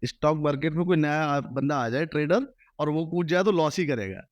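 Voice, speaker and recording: A man's voice: fairly high pitch, lively intonation, brisk, no room sound, lo-fi sound. A man who teaches maths, giving earnest advice to exam students in an interview. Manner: earnest, advising students directly. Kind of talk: interview answers.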